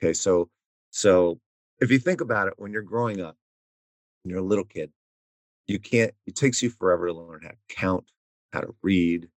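Podcast guest: man, lower voice, close dry sound, patient step-by-step explainer. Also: normal speed, long pauses, no room sound. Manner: explanatory, walks through examples step by step. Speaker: guest expert. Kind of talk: casual interview explanation.

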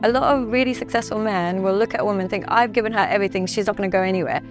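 A woman explains relationship dynamics with calm assurance, stepping into quoted thoughts to make her point. Music plays clearly behind her voice. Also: medium pitch, racing. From Dubai. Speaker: podcast guest. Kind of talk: relationship advice in interview.

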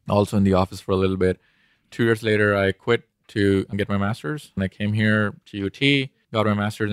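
A man with an Indian accent speaks as an interview guest, explaining in an informal way. His voice is low and keeps to a fairly flat line, recorded dry and close. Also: no room sound. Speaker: interview guest, tech startup founder.

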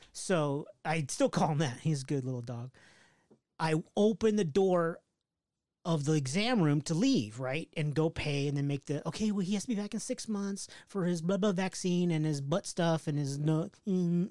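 A man co-hosting a podcast, telling a story in a casual, animated way, swearing freely and acting out his own panic. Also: a little high, moderate pace, dry recording, clean studio sound. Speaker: podcast co-host.

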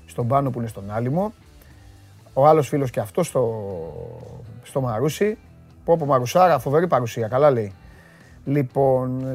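A man hosting a live stream, greeting viewers and reading their comments in a playful, teasing way with sudden loud bursts. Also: medium pitch. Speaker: host.

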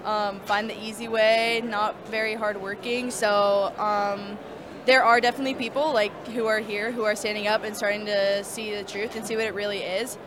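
A young woman from California answers interview questions in a hesitant way, filling pauses with "um." Her voice stays flat, and clear background noise runs behind her outdoors. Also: mid-range voice. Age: young adult.

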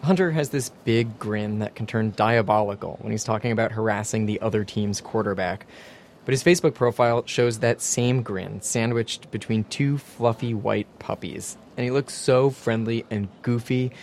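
Gravelly low-voiced male documentary narrator. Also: moderate pace, a little mellow, slight background noise. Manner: dry, wry storytelling. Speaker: podcast host and reporter.

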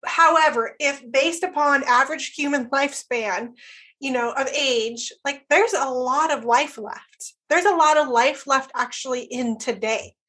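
A woman's voice: sits high, measured pace, fairly bright tone. A woman in her late thirties hosting a podcast interview, agreeing and conversational. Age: 30s. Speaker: podcast host.

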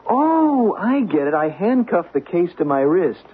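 An actor playing an eager, easygoing, slightly naive courier in an old radio drama, talking in a casual, hesitant, chatty way. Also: male voice, high voice, very animated, a little slow, slightly rough, exaggerated voice. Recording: tinny, noisy old radio recording.

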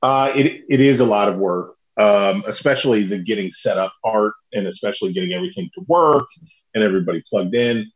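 A man's voice: lowish voice, expressive, fairly quick. A man co-hosting a podcast from home in casual chat, his voice sounding as if he is inside a tin can, chatty with fillers and restarts. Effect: sounds like talking inside a tin can. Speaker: podcast co-host. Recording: dull lo-fi remote line, tinny.

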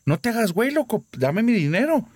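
A man voicing a bold young woman who shouts in a high, shrill voice. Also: very animated, fairly quick, husky, no room sound, full character voice. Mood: excited yelling.

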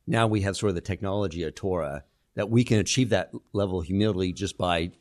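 A man's voice: deep voice, fast talker, darkish tone. A man telling a story on a roundtable podcast, acting out quoted dialogue as he goes. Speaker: guest speaker.

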